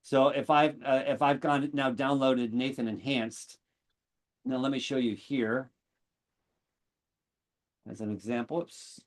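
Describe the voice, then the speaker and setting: A man hosting an online meetup, talking through a live software demo, rambling and correcting himself as he goes. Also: medium pitch, steady tone, measured pace, long pauses. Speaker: meetup host.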